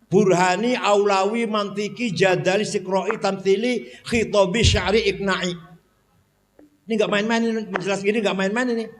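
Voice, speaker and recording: A man preaching a sermon at a large mosque, animated, asking the congregation questions and then answering them himself. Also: sits high, moderate pace, long reverb tail.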